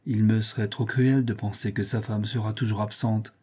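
A man reading aloud, voicing an earnest, gently reproachful provincial baron and father in a period audiobook. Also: fairly low pitch, flat delivery, normal speed, breathy edge.

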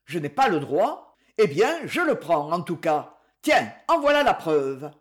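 A woman reading the part of a stern, self-possessed young man who disciplines his cousin, firm and measured. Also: on the low side, sing-song. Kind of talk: audiobook novel reading.

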